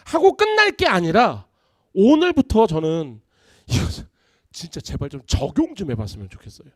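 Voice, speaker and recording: A man, a pastor, preaching a sermon in an animated, conversational way in a church. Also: high-pitched, moderate pace, no echo, studio quality. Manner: animated, conversational preaching with acted-out family quotes. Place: church sanctuary.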